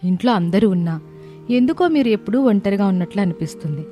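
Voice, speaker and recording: A young woman voicing a kind, earnest daughter-in-law in an animated family story. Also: mid-range voice, fast, soft background music, lightly acted. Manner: earnest, warm-hearted speaking. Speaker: voice actor.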